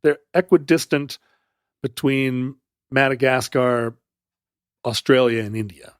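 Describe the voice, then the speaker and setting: A man's voice: mid-range voice, takes it slowly, clean tone, no echo, clean studio sound. A man co-hosting a podcast, telling a history story in a casual, playful way with joking asides. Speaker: podcast co-host.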